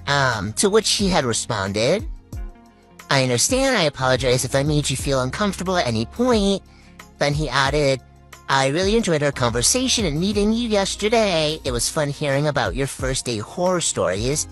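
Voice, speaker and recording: Woman with a deep pitch-shifted voice. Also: sing-song, faint music behind. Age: 30s. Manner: halting, with frequent "um" pauses. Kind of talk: casual storytelling to viewers.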